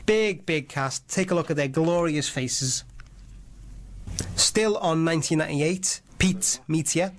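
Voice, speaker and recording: A man's voice: fairly high pitch, measured pace. Chatty man hosting a movie show. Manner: chatty, enthusiastic, jokey asides. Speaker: radio show host. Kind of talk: casual movie trivia chat.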